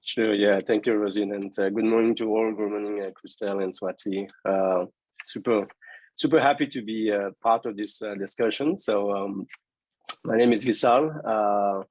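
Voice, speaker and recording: Male panelist on a video call, lowish voice, dry sound, friendly and hesitant. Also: steady tone, normal speed, darkish tone, dry recording, poor audio. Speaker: co-founder and director. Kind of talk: virtual panel discussion.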